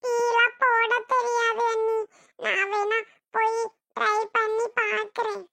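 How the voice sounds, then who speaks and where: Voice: very high voice, fairly even intonation, unhurried, gravelly, sharp tone, no echo, heavily acted. A voice actor playing a meek, hurt younger sister-in-law in a cartoon, speaking with a Tirunelveli Tamil accent. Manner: meek, hesitant. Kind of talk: cartoon voice acting.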